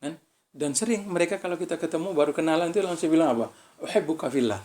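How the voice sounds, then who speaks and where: A man giving a relaxed religious study talk to students, speaking with an Indonesian accent and checking in with his listeners often. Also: fairly high pitch, rapid-fire. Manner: conversational, keeps asking "ya kan?". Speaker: visiting preacher.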